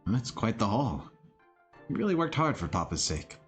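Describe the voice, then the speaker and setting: A young village leader acted by a man speaks in a low, raspy voice. He is a dry, teasing father figure from a visual novel, with faint music playing behind him. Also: big pitch swings, normal speed. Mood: playful. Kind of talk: visual novel character acting.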